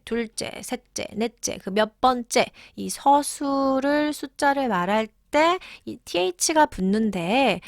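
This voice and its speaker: A woman teaching English, patiently explaining and repeating key words slowly. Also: high-pitched, a bit bright, no room sound, studio quality. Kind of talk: explaining English lessons in Korean.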